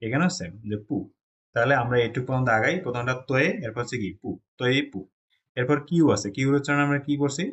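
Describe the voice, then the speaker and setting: A man's voice: mid-range voice, racing. Man teaching with constant check-ins. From Bangladesh. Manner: explains step by step, keeps checking in with "right?". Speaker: Chinese language teacher. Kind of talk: classroom lesson.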